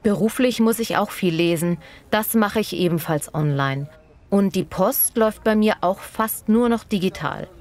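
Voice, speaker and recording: A woman with a medium-pitched, slightly mellow and natural voice speaks at a normal speed. In a scripted language-lesson dialogue, she plays a practical working passer-by stopped for a street survey, giving matter-of-fact answers.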